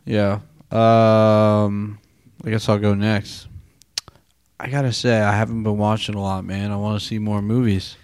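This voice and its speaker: A man's voice: on the low side, level tone, a little slow, a little mellow, a little hiss or hum. A young man co-hosting a podcast, talking casually and joking at his own expense about movies. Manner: joking, self-deprecating, laid-back. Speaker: podcast co-host. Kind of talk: casual film review chat.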